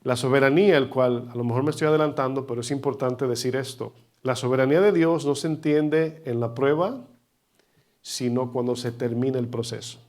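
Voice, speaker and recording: Man, pastor, sermon, church service, emphatic preaching, questions the congregation, loud and soft swings. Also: medium pitch, fairly even intonation, fairly quick. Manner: loudness swings widely between phrases.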